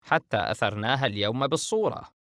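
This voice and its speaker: A man reading an audiobook, voicing a stern brother who argues in a sharp, insistent way. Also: mid-range voice, expressive, fast, no echo, clean studio sound. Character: stern, pious middle brother.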